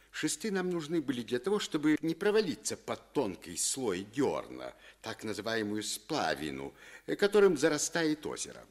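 An actor playing an expressive, declaiming captain in a radio play. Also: male voice, mid-range voice, heavily acted. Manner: expressive storytelling read-aloud. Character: captain reading a letter aloud, then shouting orders.

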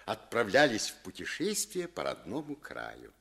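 Radio drama captain, super animated delivery, reads out and gives orders like a storyteller. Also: male voice, lowish voice, moderate pace, gravelly, slightly rough, heavily acted. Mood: earnest storytelling. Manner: expressive storytelling read-aloud. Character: captain reading a letter aloud, then shouting orders. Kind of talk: radio play acting.

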